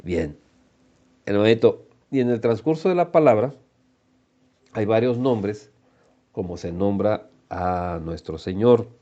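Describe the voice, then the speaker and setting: Mexican male preacher, slow and mellow, teaching a congregation in a dull lo-fi recording. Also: fairly low pitch, lively intonation. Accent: Mexican Spanish. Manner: unhurried teaching, addresses listeners as little brothers; reads scripture aloud and asks rhetorical questions. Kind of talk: sermon.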